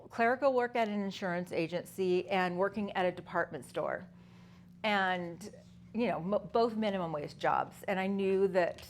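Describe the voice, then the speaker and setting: A woman in her fifties speaking at a conference, telling her personal story conversationally with many fillers and restarts. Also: medium pitch. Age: 50s. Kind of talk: personal story talk to an audience.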